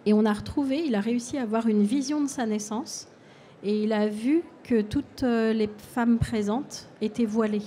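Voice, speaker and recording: A woman hypnotherapist giving a calm, explanatory public talk and answering audience questions at a fair. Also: on the high side, slight background noise.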